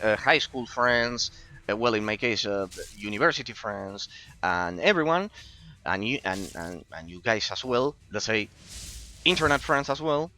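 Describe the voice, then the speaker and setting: Casting: male game streamer, late 20s, Argentine accent, bright forceful voice, rambling casual delivery. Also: medium pitch. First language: Spanish. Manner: rambling, repeats phrases for emphasis. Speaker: live streamer. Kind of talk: casual chat to viewers during gameplay.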